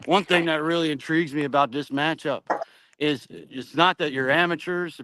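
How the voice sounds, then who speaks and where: A man chatting casually about sports in a slangy, animated way. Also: on the high side.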